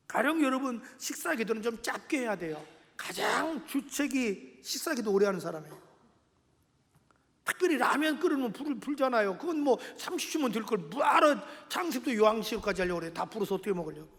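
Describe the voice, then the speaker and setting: A man preaching a passionate sermon as senior pastor, swinging between loud cries and quiet asides and often calling out to the congregation. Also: sits high, creaky, long reverb tail. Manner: addresses the congregation often, tag questions. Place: church sanctuary.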